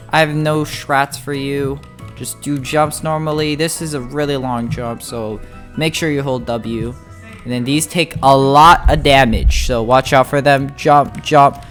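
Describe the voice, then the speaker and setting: A gamer making a tutorial offers a casual, chatty walkthrough of a video game, talking informally and directly to viewers. The voice is medium-pitched and fairly bright, with music playing in the background.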